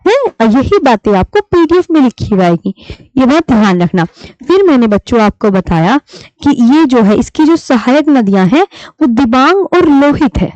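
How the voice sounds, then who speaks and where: A woman's voice: sits high, sing-song, darkish tone, dry recording. Woman teacher, dull lo-fi sound. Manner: patient, repeats key terms slowly for students. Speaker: online teacher. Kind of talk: live online class. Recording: dull lo-fi stream audio.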